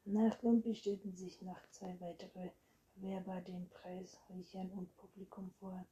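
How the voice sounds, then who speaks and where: Slow, mellow woman reading a storybook. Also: lowish voice, little pitch movement, rough recording. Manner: soft, often whispered reading. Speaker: audiobook narrator. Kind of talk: storybook narration.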